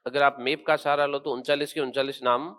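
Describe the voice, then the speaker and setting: A man's voice: medium pitch, little pitch movement, fairly quick, a bit bright. A male teacher giving a geography lesson in a classroom, quizzing students and then explaining points firmly.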